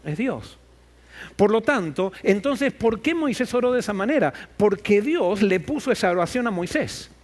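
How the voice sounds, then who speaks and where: A man's voice: high-pitched, lively intonation, moderate pace. A man preaching a sermon as pastor, firing off rhetorical questions and acting out the voices he quotes. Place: church.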